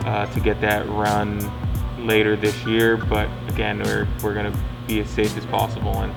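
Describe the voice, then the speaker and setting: A man's voice: lowish voice, normal speed, gravelly, poor audio. A man co-hosting a casual question-and-answer session, explaining things in an informal way. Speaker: company co-host. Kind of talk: casual Q&A talk. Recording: steady music behind the voice.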